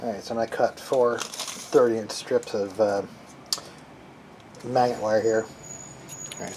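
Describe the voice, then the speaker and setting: With some background noise, a fairly low-voiced hobbyist builder walks through an informal, unscripted how-to, stopping and starting as he reasons out loud while his hands stay busy.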